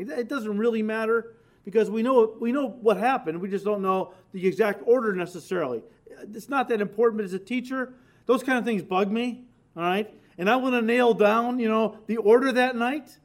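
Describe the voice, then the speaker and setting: A male pastor teaching through a Bible passage in a conversational, emphatic way, speaking directly to his listeners. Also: high voice. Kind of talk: sermon teaching.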